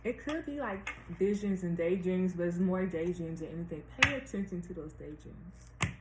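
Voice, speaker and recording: An American woman talking slowly and deliberately with a slight retainer lisp, giving casual spiritual guidance to viewers and repeating phrases for emphasis. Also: lowish voice, expressive. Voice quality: slightly lisped speech from wearing a dental retainer. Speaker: tarot reader and astrologer hosting a weekly series. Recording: roomy echo with faint background noise.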